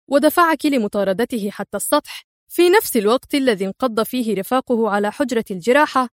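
A woman's voice: fairly high pitch, no echo, close to an everyday voice. A woman reading the lines of a male police inspector who is skeptical and dry. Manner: dry, doubtful.

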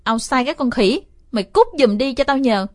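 Lady doing a bossy boy voice, loud n cocky, storybook. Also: mid-range voice, fairly even intonation, brisk, natural voice. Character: bossy young boy, cocky and quick-tempered.

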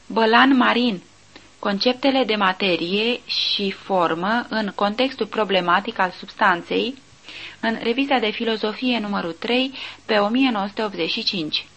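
A woman narrating a nonfiction audiobook, reading reference lists in a slow, measured way. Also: mid-range voice, fairly bright tone, rough recording. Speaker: audiobook reader.

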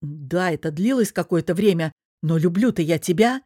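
A woman's voice: lowish voice, expressive, moderate pace, husky, no echo, clean studio sound. A woman voicing an angry, domineering businessman husband who growls and presses hard. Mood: furious. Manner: growling, forceful.

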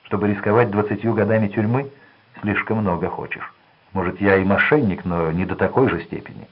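A man's voice: fairly low pitch, steady tone, a little fast, lo-fi sound. A man doing a sneering cynical swindler. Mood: contemptuous. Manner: gruff, contemptuous, sneering. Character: cynical, mocking male swindler, cold and greedy.

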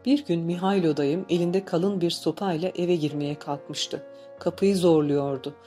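A woman reading a novel aloud as an audiobook narrator, in calm, measured storytelling. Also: on the low side, soft background music. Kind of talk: scripted narration.

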